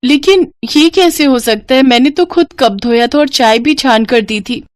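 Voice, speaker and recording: A woman voicing a meek young daughter-in-law who speaks softly and pleads. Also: high voice, moderate pace, slight background noise, pitched above the performer's own voice, close to an everyday voice. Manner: soft, pleading, timid.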